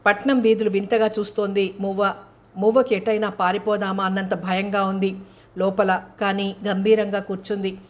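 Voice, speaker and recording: Woman narrating a novel in a flat tone. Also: medium pitch, moderate pace. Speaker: audiobook narrator.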